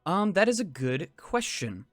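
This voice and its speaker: A man narrating a tabletop fantasy game as game master, in measured, descriptive second-person storytelling. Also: high voice, very animated, no room sound, studio quality. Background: faint music.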